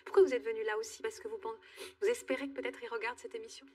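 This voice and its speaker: Brief: woman talk show host, probing, thinks aloud, husky and fast. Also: fairly high pitch, steady tone, far from the mic. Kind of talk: empathetic interviewing. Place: TV studio.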